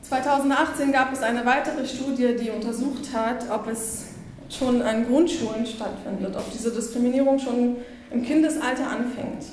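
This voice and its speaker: A woman's voice: fairly high pitch, moderate pace, echoey room, slight background noise. A woman in her twenties from Berlin giving a conference talk on a headset mic, telling stories in an earnest way and acting out what people said to her. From Berlin, Germany. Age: 20s. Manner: earnest storytelling, acting out quoted remarks. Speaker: conference speaker. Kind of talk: stage talk. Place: bright conference room with windows.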